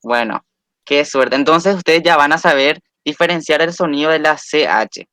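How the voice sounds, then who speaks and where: A man's voice: a little high, normal speed, bright, forceful tone, no echo. A man teaching a recorded language lesson, patiently spelling out sounds and repeating example words.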